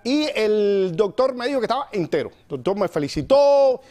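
A man hosting a comedy show, telling jokes in an animated storytelling style. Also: high voice, moderate pace, soft background music. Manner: joking, animated storytelling with acted-out voices. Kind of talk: stand-up style comic monologue.

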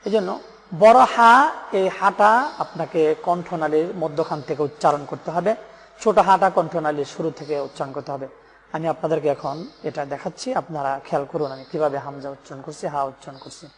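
A man with a Bangladeshi Bengali accent teaching Quran pronunciation, patiently repeating letter names slowly for learners. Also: fairly high pitch, fairly even intonation, big-room sound, a little hiss or hum. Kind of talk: step-by-step pronunciation lesson.

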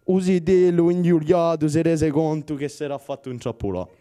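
A man's voice: on the high side, moderate pace. A young man with a Corsican accent telling village stories and voicing the people in them. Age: young adult. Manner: animated, voices the characters in dialogue. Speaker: student storyteller.

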